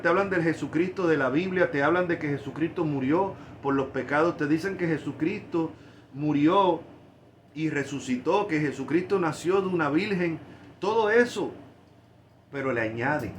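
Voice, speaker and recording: A man's voice: on the high side, a little hiss or hum. A man from Puerto Rico with a Puerto Rican Spanish accent, preaching a sermon with emphatic, rising stresses on key points.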